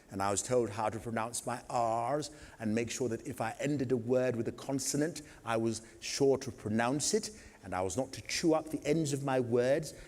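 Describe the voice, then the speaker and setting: An older man from Kenya tells stories from his life to a festival audience, wry and digressive, full of vivid asides. His mid-pitched voice carries a long reverb from the theatre hall. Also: darkish tone. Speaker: guest speaker at a theatre festival. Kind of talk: anecdotal storytelling talk.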